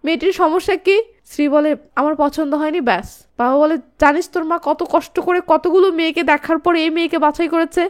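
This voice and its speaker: A woman narrating a movie recap in a lively storytelling way, reading every character's dialogue in her own voice. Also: sits high, quick pace.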